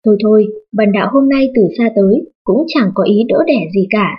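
A woman voicing an old, lame Taoist nun who scorns the family with mocking calm, in a storybook reading. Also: medium pitch, fairly quick, husky, highs cut off, close to an everyday voice. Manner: scornful, laughing at others.

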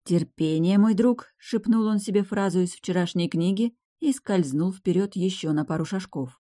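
A woman's voice: on the low side, moderate pace, dark tone, lightly acted. A woman voicing a scared but brave ten-year-old boy whispering to himself. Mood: hushed determined.

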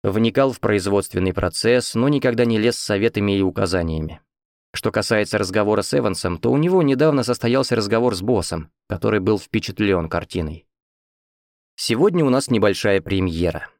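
Guy narrating an audiobook, low voice, dry close sound, kinda ironic. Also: expressive, fairly quick, no room sound. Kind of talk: first-person audiobook narration.

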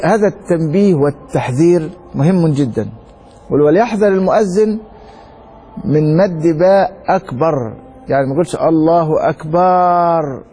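Egyptian sheikh teaching in a mellow voice. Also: male voice, fairly high pitch. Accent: Egyptian Arabic. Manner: explains and asks students rhetorical questions; reads a text slowly, then comments quickly. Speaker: sheikh teaching Maliki law. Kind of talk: religious lesson.

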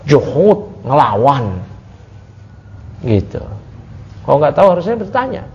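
A man teaching an Islamic study class, talking casually with his listeners and swinging from low asides to raised, emphatic points. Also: sing-song, a little slow, a little mellow. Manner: conversational, asks the audience, swings from low to raised emphatic tones. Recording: muffled audio recording.

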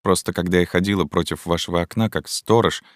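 A man reading an audiobook voices a young woman, an earnest student in love, in a soft, pleading, raised voice. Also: low voice, steady tone, quick pace, no echo, natural voice. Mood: tender. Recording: dry close studio sound.

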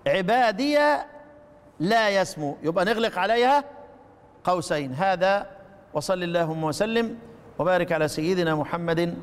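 High-voiced Egyptian man teaching recitation. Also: clean tone, big-room sound. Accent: Egyptian Arabic. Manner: asks the class questions and answers them himself; chants the verse words slowly. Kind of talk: religious lesson.

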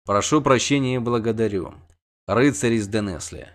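A man's voice: mid-range voice, moderate pace, lightly acted. A man reading an audiobook, voicing a proud monster hunter who speaks formally with bitter irony. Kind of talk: audiobook character voice.

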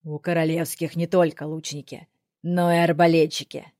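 Stern elderly corporal, put on by a woman, lower firm voice, measured, didactic, audiobook. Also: flat delivery, a little mellow, no echo, studio quality, lightly acted. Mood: cool, reasoning. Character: elderly gruff male corporal, lecturing.

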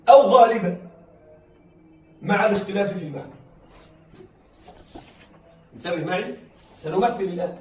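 A man lectures a classroom in a high voice. He draws out key words and keeps checking that his students follow. The recording is roomy and picked up from a distance, with faint background noise. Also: darkish tone. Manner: drawn-out emphatic stresses on key words. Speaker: teacher.

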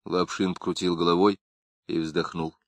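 A man narrating an audiobook in a low, measured, expressive voice. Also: no room sound. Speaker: reader.

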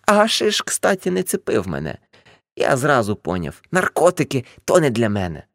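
A woman's voice: rumbling low, huge pitch swings, normal speed, no room sound, clean studio sound, heavily acted. A woman voicing an older man, a boastful ex-hippie uncle, telling rambling brash stories in an audiobook.

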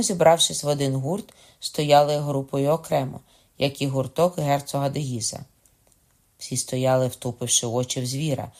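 Man narrating a novel, steady delivery. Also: mid-range voice. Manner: steady, measured storytelling. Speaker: audiobook narrator. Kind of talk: literary audiobook narration.

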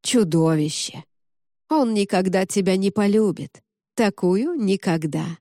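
A woman's voice: lively intonation, unhurried, warm tone, no room sound, studio quality, lightly acted. A woman voicing a cruel, manipulative female phantom in an audiobook, coaxing in an insidious tone. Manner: insidious, coaxing whispers turning shrill. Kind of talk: audiobook character reading.

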